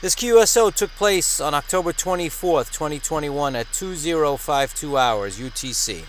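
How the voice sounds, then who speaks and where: Sitting at his small home radio desk, an amateur radio host chats casually, narrating as he makes contacts. His voice is a little high with lively intonation and a moderate pace, over room noise and static.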